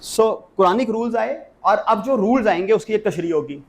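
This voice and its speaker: A man's voice: sits high, animated, normal speed. A middle-aged man with a Pakistani Urdu accent, giving a classroom law lecture and explaining step by step while mixing in English legal terms.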